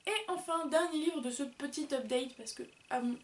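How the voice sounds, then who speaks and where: A woman's voice: high voice, normal speed, echoey room, recorded from a distance, slight background noise. A woman chatting casually and rambling as she reviews books, with many fillers. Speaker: book vlogger. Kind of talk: casual book review chat.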